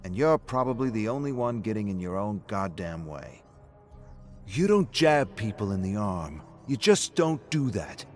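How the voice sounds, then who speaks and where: A man reading gives voice to a pub owner who needles his old friend in a low, dry voice. He talks steadily and presses his point without raising much heat. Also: moderate pace, few pauses, darkish tone, soft background music, close to an everyday voice. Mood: earnest. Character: calm, probing male pub owner, longtime friend.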